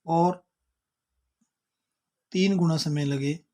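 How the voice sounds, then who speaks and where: Slow, patient man teaching letters. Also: fairly high pitch, steady tone, dark tone. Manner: patient, repeats and spells out letters one by one. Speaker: Sanskrit teacher. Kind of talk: slow explanatory lesson.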